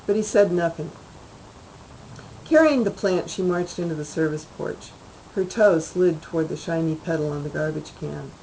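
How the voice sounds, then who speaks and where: A woman, the author, reading her own literary short story aloud in a measured, even way. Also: low-pitched, gravelly, a little hiss or hum, rough recording.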